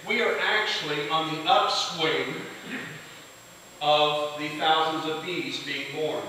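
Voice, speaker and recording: A man teaching a beekeeping class to a live audience in a lively lecture manner, often putting questions to the room. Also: on the high side. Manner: energetic, asks the audience questions. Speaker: beekeeping instructor. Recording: echoey hall from far off, hiss.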